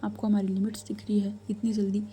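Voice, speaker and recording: A woman's voice: medium pitch, completely flat delivery, fast, close to an everyday voice. A woman voicing a fierce, protective young woman scolding her sister's lover, in a whispered role-play. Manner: scolding, sharp.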